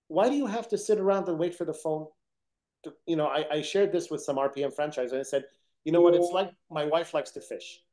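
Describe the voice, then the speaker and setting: A man's voice: fairly high pitch, dark tone. A middle-aged man, raised in Egypt and Sudan, telling his story as a guest in an interview in an earnest, determined way. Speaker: interview guest, company founder. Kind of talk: conversational interview.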